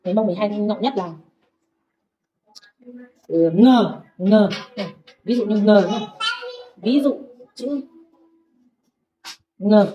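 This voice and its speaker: A woman teaching Vietnamese, patiently saying sounds slowly for her student to repeat. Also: mid-range voice. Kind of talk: pronunciation drill lesson. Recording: dull lo-fi recording.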